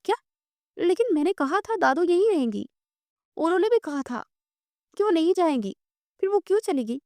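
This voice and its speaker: A woman's voice: a little high, moderate pace, dry recording, clean studio sound, natural voice. A woman voicing a spirited teenage girl who grumbles, bosses her sister and sulks. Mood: upset. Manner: grumbling, bossy and petulant.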